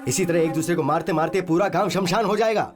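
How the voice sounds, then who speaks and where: An actor dubbing a principled officer who speaks earnestly and persuasively in a Hindi film dub. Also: male voice, sits high, fast talker, natural voice. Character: calm, principled young male officer. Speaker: officer, hero.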